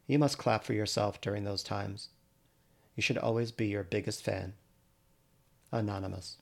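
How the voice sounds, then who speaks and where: Gravelly man giving earnest parenting advice. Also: fairly low pitch. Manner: earnest, measured, advising. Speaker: parenting coach. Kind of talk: scripted podcast monologue.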